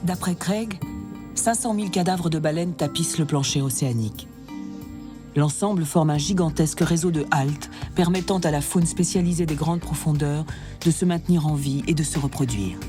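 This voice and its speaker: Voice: medium pitch, moderate pace. A narrator reading a scripted nature documentary narration. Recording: music behind the voice.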